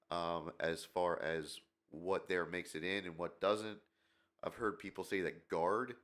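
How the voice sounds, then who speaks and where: A man's voice: low-pitched, fairly bright tone. A man hosting a gaming channel, talking in a rambling, opinionated way with lots of fillers, his nose stuffed up from a cold. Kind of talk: casual commentary video.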